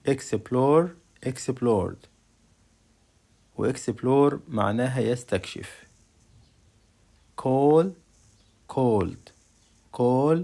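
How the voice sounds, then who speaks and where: A male English teacher with an Egyptian Arabic accent, leading a vocabulary lesson. He says each English word slowly twice for pupils to repeat, then gives its Arabic meaning. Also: medium pitch, creaky, darkish tone.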